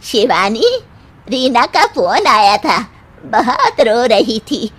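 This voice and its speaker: A greedy, complaining older mother-in-law, acted by a woman in a cartoon family tale. Her voice is very high, and she drags out her demands slowly as she scolds. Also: very animated, fairly bright tone, breathy edge, heavily acted. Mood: scolding, aggrieved. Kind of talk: cartoon moral story voice acting.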